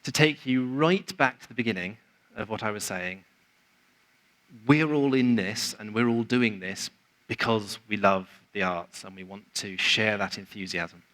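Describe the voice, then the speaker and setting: Bright-voiced man giving a conference talk. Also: fairly low pitch, measured pace, low-quality recording. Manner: conversational, explanatory, quotes others in acted asides. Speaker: conference speaker. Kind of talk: conference presentation. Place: conference venue.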